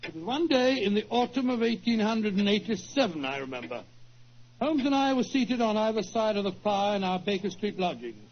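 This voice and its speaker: High-voiced, fussy old English Doctor Watson. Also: male voice, expressive, brisk. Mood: genial, reminiscing. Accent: British. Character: genial, loyal elderly English doctor recalling old adventures. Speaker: storyteller and detective's companion. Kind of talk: 1940s radio acting. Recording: muffled, noisy 1940s radio recording.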